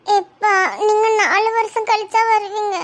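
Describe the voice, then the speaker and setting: Cartoon little girl voiced by a creator, tearful and clingy, very high squeaky pitch. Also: moderate pace, bright, forceful tone. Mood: tearful pleading. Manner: pleading, crying. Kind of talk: animated cartoon dialogue. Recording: pitch-modulated with audio tools.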